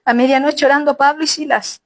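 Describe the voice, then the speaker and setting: High-voiced woman pastor preaching. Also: steady tone, brisk, dry recording, rough recording. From Chile. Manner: earnest preaching, addressing the sisters directly. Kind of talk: sermon.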